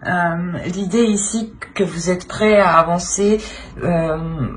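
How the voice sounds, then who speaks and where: There's a little hiss or hum behind this woman's fairly low, slow voice. Hosting her channel, she gives an unscripted tarot reading, hesitating, repeating phrases, and hunting for the right words.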